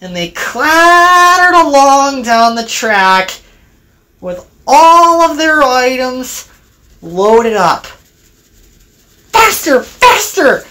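Slow, lively storyteller woman. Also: high voice. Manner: unhurried, sing-song storytelling. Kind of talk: homemade story narration.

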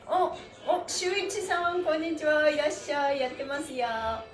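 A high-pitched woman speaking at normal speed hosts a live stretching class, counting aloud and chatting with viewers. She stays cheerful and encouraging with frequent laughter, recorded in an echoey room with faint background noise.

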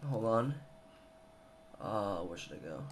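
Sitting indoors at his computer, a young man presents a casual tutorial, hesitating and thinking aloud as he works. He speaks slowly in a fairly low, animated voice. A handheld camera mic captures it, and the recording is noisy.

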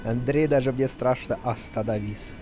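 A man in his thirties doing casual live game commentary, joking and swearing as he reacts out loud. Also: medium pitch, moderate pace. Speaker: game streamer. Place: indoor room, streaming setup. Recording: music and game sounds behind. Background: game music and effects.

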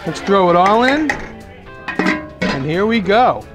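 A middle-aged man with a Massachusetts accent talks through a recipe step by step, chatty and easygoing. His voice sits high for a man. Clear music plays underneath him the whole time. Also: very animated, takes it slowly. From Massachusetts, USA. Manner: chatty, explains steps as he cooks, laughs at himself. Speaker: host cooking for dinner guests. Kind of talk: casual cooking demonstration. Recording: music playing behind the voice.

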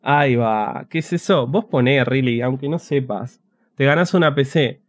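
Casual livestream gameplay commentary from a man with a Rioplatense Spanish accent, who talks to his chat in a chatty, joking way. He has a medium-pitched voice at a moderate pace, and the studio-quality recording has no echo.

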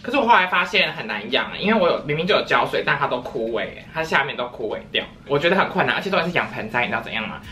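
A woman's voice: low voice, very animated, very fast, few pauses, sharp tone, slight background noise. A young woman, chatting playfully in a casual eating vlog at home and breaking into silly sing-song voices. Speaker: vlogger.

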